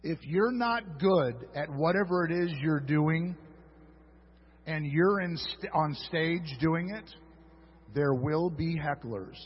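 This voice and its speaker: High-voiced joking preacher in a hall. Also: male voice, takes it slowly, slightly rough. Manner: humorous asides to the congregation. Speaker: pastor. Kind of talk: sermon. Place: church sanctuary. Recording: dull audio with long hall reverb.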